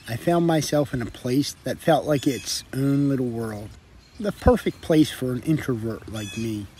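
A man's voice: mid-range voice, a little mellow, a little hiss or hum. A man, narrating his exploration of old ruins in an earnest, reflective way. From northern Delaware. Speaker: restoration vlogger. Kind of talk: documentary narration.

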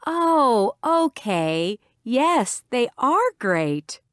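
A woman's voice: a little high, sing-song, extremely slow, a bit bright, no room sound, clean studio sound, heavily acted. A woman playing a cheerful, curious young woman. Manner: clearly enunciated textbook delivery. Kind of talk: textbook listening dialogue.

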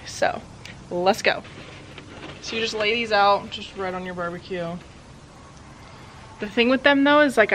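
A woman's voice: medium pitch, fairly bright tone, a little hiss or hum, low-quality recording. A young woman vlogging a casual cooking how-to, chatty and self-deprecating with lots of ums and likes. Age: young adult. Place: home kitchen and backyard grill. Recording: background music under voice.

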